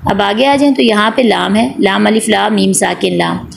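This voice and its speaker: A woman teaches a recitation class in a low, gravelly voice, patiently going over each rule twice. She asks her own questions and then answers them, stretching the long vowels out to show how they sound. A faint hiss runs underneath. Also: normal speed. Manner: draws out the long vowel sounds when demonstrating. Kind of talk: explanatory online class.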